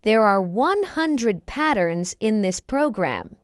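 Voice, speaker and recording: Very slow, animated woman teaching English. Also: mid-range voice, no room sound, studio quality. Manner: clear, careful drilling, repeats each phrase. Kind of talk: slow scripted language lesson.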